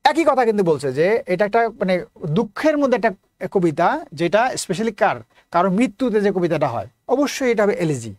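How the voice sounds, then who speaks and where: A man's voice: high-pitched, sing-song, normal speed, no room sound. A man teaching exam prep, asking questions and answering them himself, repeating the key answers. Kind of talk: lecture mixing Bengali and English.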